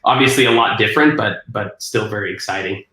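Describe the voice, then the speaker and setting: A man's voice: fairly low pitch, fast talker, pushed and bright. A man guest talking in an easygoing way about his work and laughing along, over a video call. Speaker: guest, event marketing staff. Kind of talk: casual chat. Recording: roomy echo.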